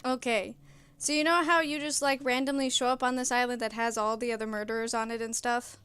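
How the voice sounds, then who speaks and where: A woman's voice: a little high, fairly even intonation, brisk, fairly bright tone, clear, resonant tone. Bubbly woman chatting while gaming. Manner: bubbly, giggly asides. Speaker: co-host playing the game. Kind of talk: casual gaming chat.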